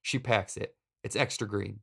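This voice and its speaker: Gravelly-voiced man telling a wry story. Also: fairly low pitch, normal speed. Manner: wry, deadpan comic storytelling. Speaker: podcast host. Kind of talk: storytelling narration.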